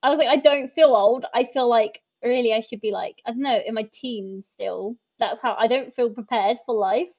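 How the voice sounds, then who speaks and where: A woman's voice: fairly high pitch, moderate pace, few pauses, a little mellow. A woman in her twenties hosting a podcast in casual chat, chatty, laughing often and trailing into fillers. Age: 20s. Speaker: podcast host.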